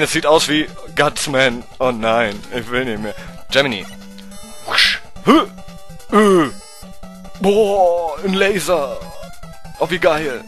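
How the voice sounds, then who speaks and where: A German-accented man gives excitable let's play commentary, swearing at the game as he swings from low mutters to sudden cries.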